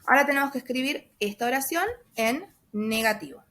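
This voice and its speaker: A woman teacher explaining a grammar exercise step by step, patiently, with frequent soft checks for understanding and slowly spelled-out examples. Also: high-pitched. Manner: spells out letters and stretches example sentences. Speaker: English teacher. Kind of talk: recorded class explanation.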